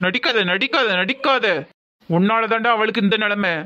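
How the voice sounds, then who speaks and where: A man voicing a furious young cartoon brother who shouts threats, with a Tirunelveli Tamil accent. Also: sits high, moderate pace, highs cut off. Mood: accusing. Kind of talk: cartoon voice acting.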